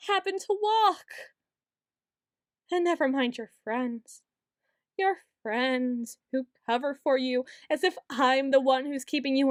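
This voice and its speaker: A woman's voice: high-pitched, dry recording, clean studio sound. A woman playing a paranoid, obsessive young yandere student in an ASMR role-play, stammering, pleading and accusing as she repeats her words insistently. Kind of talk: ASMR role-play monologue, acted straight to the listener.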